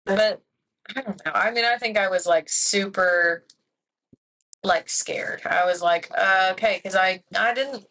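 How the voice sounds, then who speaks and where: A woman in her twenties, a podcast guest, telling a personal story in a rambling, animated way full of "like". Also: mid-range voice, a little slow, rough recording. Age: 20s. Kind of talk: casual chat.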